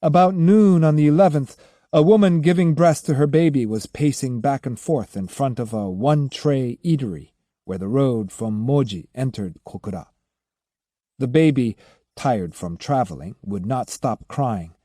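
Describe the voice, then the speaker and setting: A man narrating a novel in an audiobook, expressive and measured. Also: medium pitch, no echo, studio quality. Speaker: audiobook reader.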